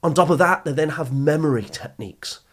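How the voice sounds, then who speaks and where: A British man coaching study skills on his motivational podcast talks a little fast, his slightly high voice animated. He speaks directly and emphatically to listeners, explaining with rhetorical questions and plenty of repetition.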